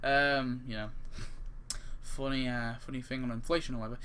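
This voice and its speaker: A gaming video creator with a mid-range, bright, forceful and clean voice talks fairly quickly with fairly even intonation. His commentary on game update ideas is casual and off-the-cuff, rambling, and he often corrects himself mid-sentence.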